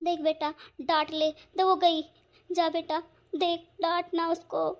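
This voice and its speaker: A frail old mother-in-law from a cartoon, voiced by a woman, her high voice thin and soft. She coughs between pleading, tearful words. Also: flat delivery, slow pace, exaggerated voice. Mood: anxious. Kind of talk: cartoon voice acting.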